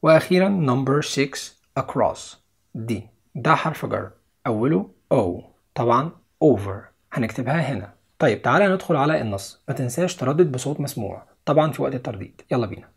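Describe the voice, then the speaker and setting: Young Egyptian man, patient video English teacher, breathy voice, mid pitch. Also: expressive, brisk. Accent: Egyptian Arabic. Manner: explains step by step, repeats each English word twice. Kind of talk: video lesson.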